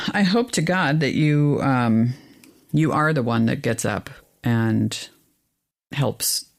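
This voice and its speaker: A woman co-hosting a podcast, chatting casually and telling stories with lively, exasperated pitch jumps. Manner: animated storyteller, rises in pitch when exasperated. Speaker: podcast co-host. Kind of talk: casual chat.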